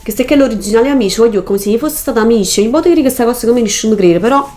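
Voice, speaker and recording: A woman's voice: a little high, expressive, racing, dark tone. A woman with a Neapolitan Italian accent giving a casual, chatty makeup tutorial in dialect, colloquial and emphatic, often repeating herself for stress. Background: music.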